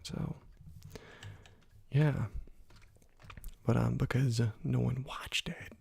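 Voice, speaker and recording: Speaking very slowly at medium pitch with fairly even intonation, this young gaming ASMR host murmurs into a close mic while playing, half-whispering and drifting through long, filler-padded stories. His voice is soft and whispery yet heavily gravelly and breathy-husky, and there's no echo at all.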